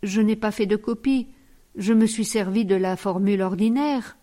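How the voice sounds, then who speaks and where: A woman's voice: medium pitch, moderate pace, mellow, lightly acted. A woman reading the lines of a young male secretary who answers his mistress hesitantly and deferentially.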